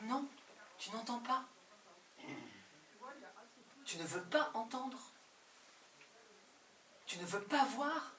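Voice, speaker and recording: A woman delivering a theatrical poetic monologue with intensity, speaking straight to someone before her. Her voice is bright and edged, picked up from a distance in a roomy, echoing space. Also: fairly high pitch, lively intonation, slow, pauses often. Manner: intense, theatrical, addresses a listener directly.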